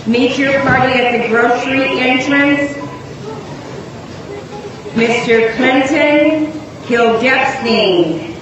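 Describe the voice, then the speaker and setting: A woman's voice booms through a store's public-address loudspeaker, slow and politely measured as she calls for a customer. It rings with heavy echo from far off, over a steady wash of shop noise. Her pitch sits a touch high and her pace is deliberate. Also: highs cut off. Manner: slow, polite, carefully spelled out. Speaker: store employee making announcements. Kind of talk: store intercom announcement. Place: large retail store. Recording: echoey distant store PA in noisy ambience.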